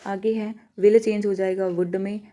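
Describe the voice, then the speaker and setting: Soft-toned woman teaching grammar in Hindi. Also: mid-range voice, flat delivery. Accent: Haryanvi Hindi. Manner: explains step by step, asks questions and answers them herself; reads example sentences slowly. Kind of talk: exam-prep grammar lesson.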